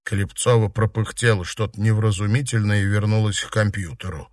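A man's voice: on the low side, steady tone, a little fast, a little mellow, no echo. A man narrating an audiobook expressively, voicing all the characters himself. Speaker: audiobook reader.

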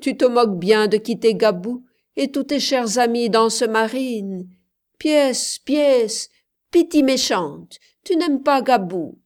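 A woman reading the part of a gentle, tender male plantation overseer in an audiobook, soft and pleading. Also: medium pitch, takes it slowly, lightly acted. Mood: playful teasing.

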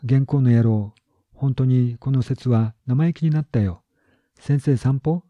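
A man reading the lines of a lively, sharp-tongued young woman in a story, with brisk, pert delivery. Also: mid-range voice, dry recording, natural voice. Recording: dull lo-fi recording.

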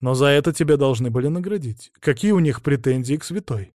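A male audiobook reader voicing a calm, tired woman abbess, slightly raised in pitch. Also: fairly quick, no echo, studio quality, close to an everyday voice. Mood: weary.

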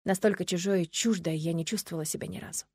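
A woman reading a first-person audiobook in a measured, expressive storytelling manner. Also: lowish voice, husky, no room sound, studio quality. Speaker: audiobook narrator.

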